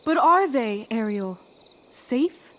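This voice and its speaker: A woman playing a poised, persuasive teenage girl who acts on stage in a video game, with a measured theatrical manner. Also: a little high, lively intonation, a little hiss or hum. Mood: stately, stern. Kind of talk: video game acting, Shakespearean stage delivery.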